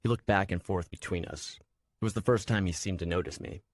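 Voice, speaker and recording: A man reading a fantasy audiobook in first person, with measured, even storytelling. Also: low-pitched, no room sound, clean studio sound. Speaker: audiobook narrator. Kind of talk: scripted first-person narration.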